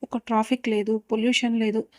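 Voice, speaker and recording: Storybook role: woman voicing an enthusiastic young man, chatty, mellow tone. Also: on the high side, flat delivery, fairly quick, no room sound, clean studio sound, lightly acted. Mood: delighted. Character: cheerful young man, admiring younger brother.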